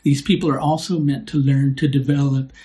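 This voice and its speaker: A man, an astrologer hosting his own video, explaining a topic in a relaxed conversational way and tagging his points with "right?". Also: mid-range voice. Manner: unhurried, with filler "uh" and restarts. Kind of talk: solo explanatory video talk.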